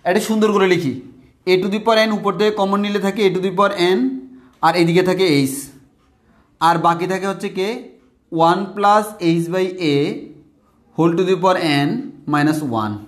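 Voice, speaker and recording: High-voiced man teaching math in an echoey room. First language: Bengali. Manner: addresses students as brothers, repeats phrases, slows on formulas. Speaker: math tutor. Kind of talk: whiteboard math lesson.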